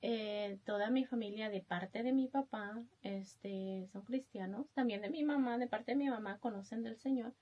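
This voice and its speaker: A young woman from Guatemala with a Guatemalan Spanish accent, telling her story as a podcast guest, soft-spoken and hesitant, with many fillers. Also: fairly high pitch, normal speed, hardly any pauses, muffled recording. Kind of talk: testimony interview.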